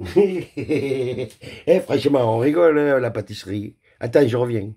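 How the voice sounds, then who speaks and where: A man's voice: mid-range voice, lively intonation, unhurried, warm tone. Joking, foul-mouthed man cooking at home. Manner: joking, self-mocking, crude swearing; talks to the viewer while cooking. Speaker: home cook vlogger. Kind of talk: casual cooking vlog chat. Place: home kitchen.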